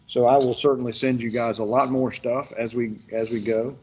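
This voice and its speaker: A man's voice: medium pitch, little pitch movement, moderate pace, a little mellow, slightly rough. A man leading a workshop, telling folksy stories in a rambling way with lots of restarts. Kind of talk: casual virtual workshop instruction.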